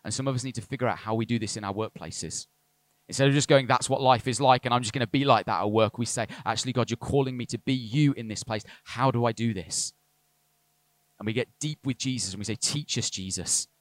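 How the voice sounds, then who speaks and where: A man's voice: medium pitch, brisk, dry recording. A man preaching a sermon as a pastor, earnest with light asides to the congregation. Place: church service.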